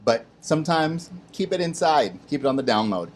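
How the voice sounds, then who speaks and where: A man hosting a kids' Bible lesson who tells the story in a lively, casual way and slips into voices for its characters. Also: fairly high pitch, moderate pace, slight background noise. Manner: animated, plays voices in his stories, casual slang. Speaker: children's ministry host.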